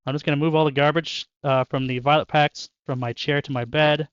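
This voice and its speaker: A man's voice: on the high side, fairly even intonation, a little fast, smooth, no echo, muffled recording. A young man chatting casually and joking with viewers while opening card packs in his bedroom, laughing often. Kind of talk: casual chat with live chat. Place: bedroom at home.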